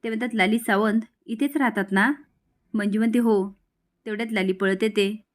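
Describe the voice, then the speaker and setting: A woman's voice: medium pitch, steady tone, normal speed. A woman recounting a TV serial episode, reading each character's lines in her own voice.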